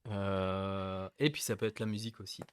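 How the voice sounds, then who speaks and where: A man co-hosting a webinar, explaining at a hesitant pace with many pauses and fillers. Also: deep voice, flat delivery, clear, resonant tone. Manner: hesitant, full of fillers and restarts, laughs easily. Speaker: co-host of a company webinar. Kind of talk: casual webinar chat.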